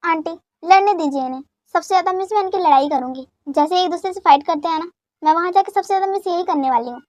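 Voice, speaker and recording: Cheeky young friend, voiced by a woman, teasing, very high, dry, fan dub drama. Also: quick pace, a little mellow, no echo.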